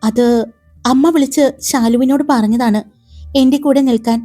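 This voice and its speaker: Woman reading a shy young college girl, soft and flustered, high-ish voice, faint music underneath. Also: fairly even intonation, moderate pace.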